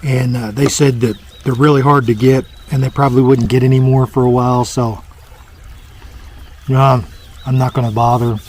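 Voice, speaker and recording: A man's voice: medium pitch, flat delivery, normal speed, darkish tone. A man vlogging on a hike, giving a mock-serious, savoring food-critic review outdoors by a lake. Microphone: small handheld camera.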